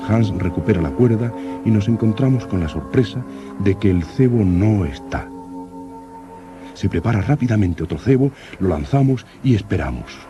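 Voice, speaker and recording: Man acting as young expedition diarist, old radio serial announcer delivery, deep voice, lively intonation, formal, earnest, curious. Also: dull audio, close to an everyday voice. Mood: earnest narration. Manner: formal, measured, literary diction. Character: Axel, young nephew narrating an expedition diary, curious, earnest. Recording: old radio drama with music.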